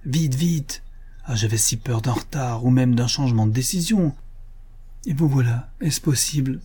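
A man reading the part of a flustered, excitable male suitor who pleads and curses in an audiobook. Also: medium pitch, normal speed, breathy edge, lightly acted.

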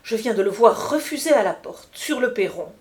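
A woman's voice: fairly high pitch, expressive, normal speed, darkish tone, lightly acted. A woman voicing a young duke who gossips slyly in an audiobook reading, mocking and knowing. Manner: sly, mocking.

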